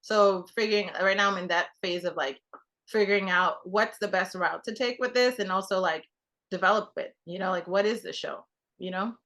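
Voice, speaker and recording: A woman's voice: medium pitch, normal speed, a bit bright. A young woman from Trinidad, a television producer talking casually as a guest, full of fillers and restarts. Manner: rambling, many fillers and restarts. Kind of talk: casual conversation.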